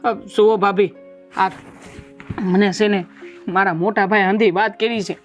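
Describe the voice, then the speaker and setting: A performer playing a lovesick young village brother-in-law, pleading and whiny. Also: male voice, high voice, fairly even intonation, unhurried, faint music behind.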